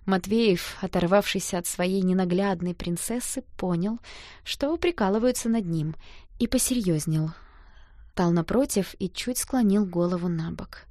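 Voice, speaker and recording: A woman's voice: mid-range voice, measured pace, no echo, clean studio sound. Woman narrating a first-person audiobook. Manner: lively, expressive reading.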